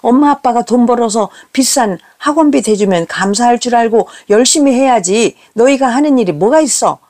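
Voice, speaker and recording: A woman voicing a strict middle-aged mother who scolds her children with sharp, reproachful questions. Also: medium pitch, big pitch swings, measured pace. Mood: shrill nagging.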